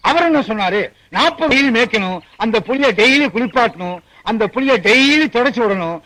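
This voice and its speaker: An actor playing a grumpy middle-aged boss in a comic film scene, blustering and exasperated. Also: male voice, very high voice, animated, brisk, bright, forceful tone, exaggerated voice. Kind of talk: 1990s comic film dialogue.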